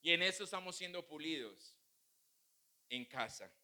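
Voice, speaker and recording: Bright, high-voiced pastor preaching. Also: male voice, expressive, moderate pace. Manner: humorous, anecdotal preaching with acted quotes. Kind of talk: sermon.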